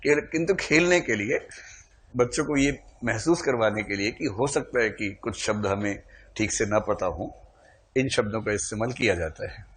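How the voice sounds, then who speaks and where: A man teaching a classroom lecture, animated, quizzing the class with questions. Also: on the low side, moderate pace.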